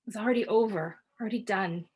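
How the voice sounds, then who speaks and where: A woman's voice: mid-range voice, a little fast, darkish tone, husky, close to an everyday voice. A worn-out, despairing mother close to tears, speaking with a weary rawness, as a woman reads her aloud. Her lines come out strained and emotional. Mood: distraught. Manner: weary and raw. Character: despairing tipsy mother on edge.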